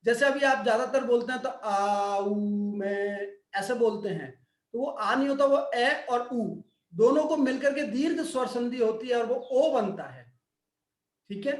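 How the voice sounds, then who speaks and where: A man's voice: very high-pitched, animated, normal speed, reverberant. A man who is a yoga and wellness expert answering questions in an online Q&A, explaining patiently like a teacher and checking that listeners follow.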